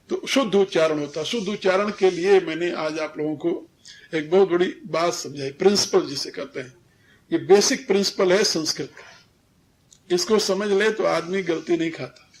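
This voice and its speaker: A man's voice: sits high, moderate pace. An older man giving a religious discourse as a spiritual teacher, explaining things in a teaching tone and often chuckling. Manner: didactic, chuckles while correcting pronunciation. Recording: 1993 recorded lecture.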